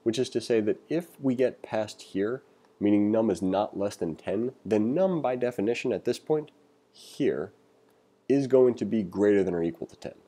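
Speaking at a normal pace, a man with a mellow, lowish voice tutors programming in a screen-recording voice-over. He follows along with a text and adds relaxed, opinionated commentary as he goes.

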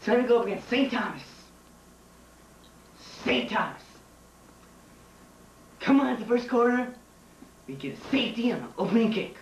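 A young man doing a teacher impression of a blustering high school athletic director, blunt, emphatic and repetitive, in an amateur comedy skit. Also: animated, moderate pace, long pauses, far from the mic, dull audio. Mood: rousing. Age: young adult. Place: home kitchen. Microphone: camcorder a few feet away. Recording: noisy, roomy home camcorder audio.

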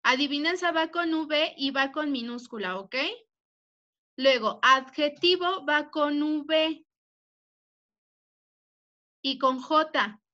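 A woman's voice: high-pitched, slow, pauses often, sharp tone. A young woman teaching an online primary class. She spells words out patiently, checks in with "ok?" after each point and speaks fondly to the pupils. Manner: affectionate with pupils. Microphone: computer mic on a video call. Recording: dull lo-fi video call audio.

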